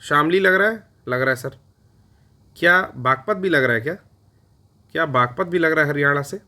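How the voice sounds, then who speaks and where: A man's voice: a little high, fairly quick, pushed and bright. A man teaching an exam-prep lecture, chatty and playful, answering his own questions in a mock student voice. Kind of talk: recorded online lecture.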